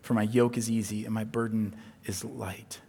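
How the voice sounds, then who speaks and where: Guy preaching an evening sermon, earnest, swings from loud and high to quiet and low, big hall echo. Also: little pitch movement, moderate pace, gravelly, slight background noise. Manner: earnest, builds in pitch and volume when retelling, then drops soft and low. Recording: long hall reverb.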